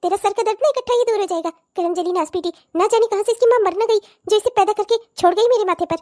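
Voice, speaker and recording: A cartoon stepmother, voiced by a woman, scolds and curses at a rapid clip. Her voice sits very high and shrill, with a nagging edge. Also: a little mellow. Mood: scolding. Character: harsh scolding stepmother, middle-aged woman. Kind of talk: cartoon voice acting.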